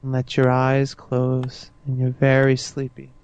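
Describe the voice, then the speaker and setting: A man guiding a listener into hypnosis with slow, soothing, repetitive suggestions. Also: mid-range voice, completely flat delivery, a little mellow, clean tone. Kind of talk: guided hypnosis induction.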